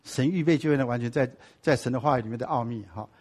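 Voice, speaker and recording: A man's voice: mid-range voice, racing, darkish tone. A man teaching a sermon-style Bible class. He keeps asking the class rhetorical questions and drops in English and Hebrew words.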